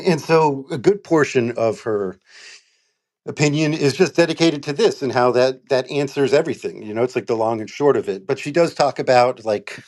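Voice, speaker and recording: A man's voice: mid-range voice, a little mellow. A man co-hosting a podcast, talking casually and sarcastically about a court ruling, laughing often. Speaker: podcast co-host. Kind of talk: casual legal discussion.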